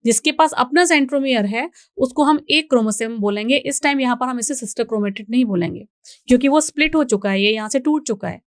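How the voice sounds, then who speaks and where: A young Indian woman lecturing on biology for exam students, taking her time over each point. Her voice is smooth and clear, a little high, and recorded close and dry with no room sound. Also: no room sound. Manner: explains slowly, reads English lines out deliberately, checks in with "ठीक है". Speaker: biology teacher. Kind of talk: bilingual exam-prep lecture.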